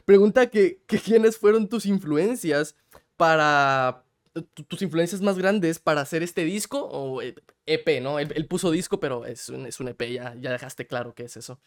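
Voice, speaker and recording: Man, Guatemalan Spanish accent, interviewer, chatty, playful, fairly high voice. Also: normal speed, fairly bright tone. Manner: chatty, playful, many restarts and laughs. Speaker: interviewer host. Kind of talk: casual interview chat.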